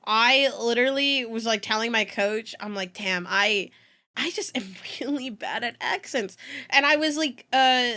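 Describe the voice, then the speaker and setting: Woman streamer, trained voice actor, bright voice, rambling chat. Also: on the high side, unhurried. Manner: rambling with many fillers; trained in voice acting. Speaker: streamer reacting to videos.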